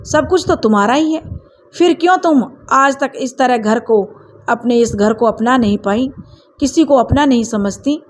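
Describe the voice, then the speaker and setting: A woman's voice: high voice, moderate pace. A woman storyteller voicing a patient young husband who pleads earnestly with his cold wife. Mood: pleading.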